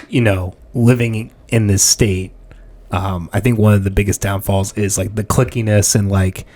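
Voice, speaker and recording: A man hosts a casual podcast interview in a somewhat low voice. He asks rambling, hesitant questions packed with fillers, then settles into longer points. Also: darkish tone, slight background noise. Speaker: podcast host.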